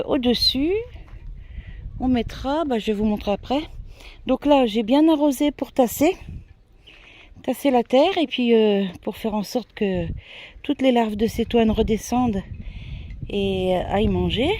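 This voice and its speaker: A woman's voice: on the high side, dark tone. A woman chatting casually as she shows her garden, slightly out of breath, with a stuffy nose. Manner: chatty, showing viewers around, sniffly. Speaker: gardening vlogger. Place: outdoors in a garden by a greenhouse, windy. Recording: faint wind noise outdoors.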